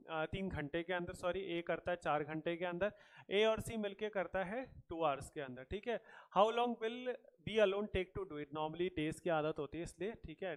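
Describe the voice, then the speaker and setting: A man with a fairly high voice teaches a math lesson for exam preparation. He walks through each problem step by step and keeps checking that his students are following. He mixes English math terms into his Hindi. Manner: explains step by step, often checks in with "thik hai" and "bachchon". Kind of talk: exam-prep math lecture.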